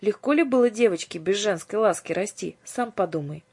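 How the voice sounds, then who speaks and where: A woman voicing a soft-hearted male guardian angel who speaks gently and apologetically, with a breathy voice. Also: medium pitch, lively intonation, fairly quick, dry recording, pitched above the performer's own voice. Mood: apologetic.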